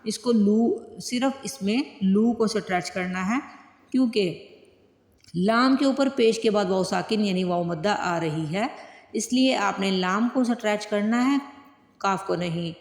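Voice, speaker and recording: Slow-paced woman teaching tajweed, echoey. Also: mid-range voice. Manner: explains rules plainly, then recites words slowly and drawn out. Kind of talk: word-by-word recitation lesson. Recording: echoey room with long reverb.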